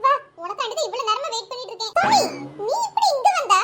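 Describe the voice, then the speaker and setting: Cartoon village girl, young, fretful, teasing, squeaky high voice, noisy. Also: big pitch swings, fast. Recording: loud background noise.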